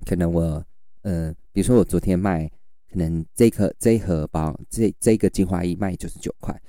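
A man who sells on livestreams tells stories in casual chat, acting out his customers as an animated storyteller. His voice sits low and he talks briskly, recorded with clean studio sound and no echo.

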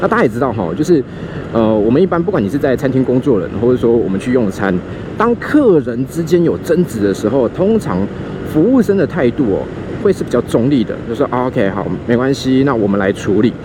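A man with a Taiwanese Mandarin accent tells a story in a casual chat, animated and acting out the voices he quotes, while riding a scooter outdoors. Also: mid-range voice, fairly quick. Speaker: podcast host. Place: outdoors on a motorbike in city traffic. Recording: faint street and vehicle noise.

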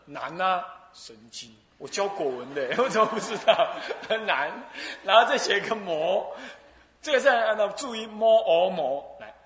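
A man's voice: sits high, reverberant. A man, an abbot giving a Buddhist sermon, acting out dialogue and laughing as he tells stories. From Taiwan. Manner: animated storytelling, acts out dialogue, laughs often.

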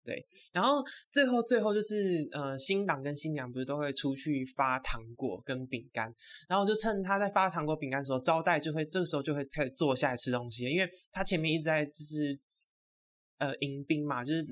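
A young woman, hosting a podcast and telling a story in an animated, gossipy way with loud exclamations. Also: low-pitched, a little fast. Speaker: podcast host. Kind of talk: casual solo storytelling.

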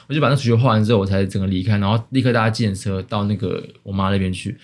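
A young man with a Taiwanese Mandarin accent, co-hosting a casual podcast chat, rambling with many restarts and quick laughs. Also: on the low side, steady tone. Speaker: podcast co-host.

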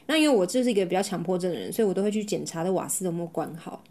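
A woman co-hosting a podcast, telling stories in an animated way and mixing in English words. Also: on the low side, racing. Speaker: podcast co-host. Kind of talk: casual chat.

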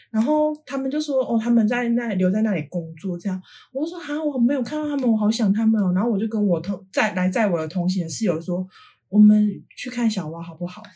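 A young woman from Taiwan, speaking in a casual podcast chat. She tells her stories with animation and slips into the voices of the people she quotes. Her voice sits at a medium pitch. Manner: animated, acts out quoted dialogue. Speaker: podcast co-host.

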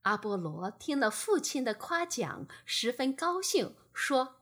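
Gentle woman storyteller, breathy and slow, sing-song pitch for a bedtime read. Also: sing-song.

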